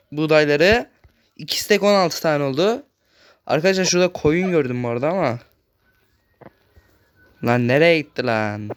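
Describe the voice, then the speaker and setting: A man hosting a gaming channel, chatting casually through his gameplay, speaking a bit loudly on purpose and constantly addressing his viewers as friends. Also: a little high, clear, resonant tone. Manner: talks loudly on purpose so the voice carries.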